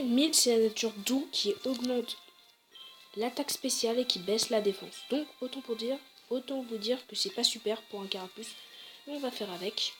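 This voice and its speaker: A woman's voice: fairly high pitch, a bit bright. A woman casually commenting on her game, chatty and hesitant, often correcting herself. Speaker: let's play gamer.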